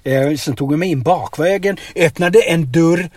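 Husky rambling man in a car. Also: a little high, a little mellow, no room sound. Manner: rambling, tags lines with "va?". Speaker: comedic storyteller. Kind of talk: deadpan absurd comedy chat. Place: inside a car.

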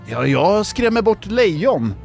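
A smug, self-satisfied fellow who is proud of scaring off lions, played by a man telling jokes. His voice is raised and lively, with some gravel in it. Soft music plays in the background. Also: sits high, pitched above the performer's own voice, exaggerated voice.

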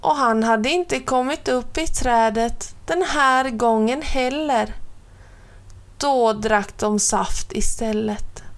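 A woman reading a children's storybook aloud with calm, lively pacing and playful pauses. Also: on the high side. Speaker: narrator.

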